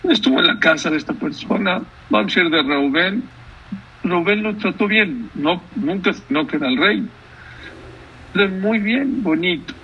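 A man's voice: high-pitched, animated, measured pace, pushed and bright, recorded from a distance, slight background noise. Guy preaching, tells a story, keeps asking the crowd stuff, dull lo-fi recording. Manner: storytelling, asks the audience questions. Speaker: rabbi. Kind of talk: sermon.

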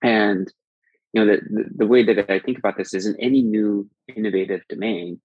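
A man's voice: fairly low pitch, fairly even intonation, fairly quick, slightly rough, no echo, lo-fi sound. A man as a podcast guest, explaining at length in a thoughtful way, often restarting sentences. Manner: thoughtful, frequent restarts and fillers. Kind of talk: conversational explanation.

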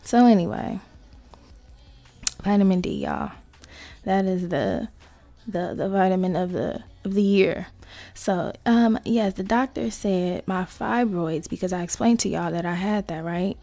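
A woman hosting a casual solo podcast, talking to listeners in slangy, sweary asides with creaky vocal fry. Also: medium pitch, animated, a little slow, dark tone, dry recording. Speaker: podcast host.

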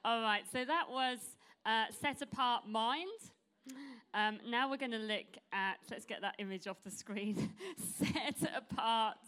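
A woman's voice: fairly high pitch, measured pace, bright, forceful tone, clear, resonant tone. A middle-aged woman preacher giving an informal, chatty, self-deprecating sermon to a congregation, pronouncing her R's as W's. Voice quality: cannot say her R's, says w for r. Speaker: church preacher.

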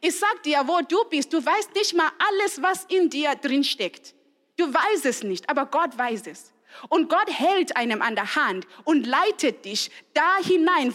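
Woman, 30s, preacher; high voice, earnest and animated, echoey hall. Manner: earnest, animated, acts out quoted voices of children. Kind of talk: sermon to a congregation. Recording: long reverb of a hall.

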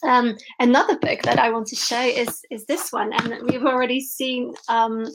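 A Belgian woman who publishes children's books speaks in a remote interview over a video call, restarting often and laughing frequently. Her voice is fairly high and steady, at a normal speed. The recording is rough, with slight background noise.

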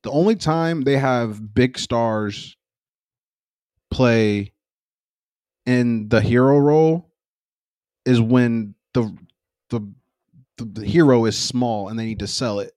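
A young man at a medium pitch, talking loose and profane in a casual chat, animated and sure of his opinions. His voice sits close and dry, with no room around it. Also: slow, long pauses, no room sound. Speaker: podcast co-host.

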